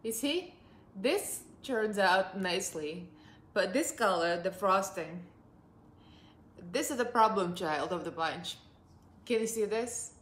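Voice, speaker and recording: She talks slowly and pauses often, her mid-range voice expressive and a bit bright against a roomy sound. This is a Russian woman in her forties, a beauty vlogger with a Russian accent, chatting upbeat and laughing often during a makeup review from her living room sofa.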